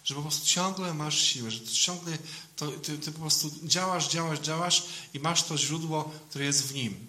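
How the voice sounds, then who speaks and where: A man's voice: a little high, normal speed, pushed and bright. A man, a priest, giving an informal sermon in a conversational way, often adding a questioning tag to his sentences.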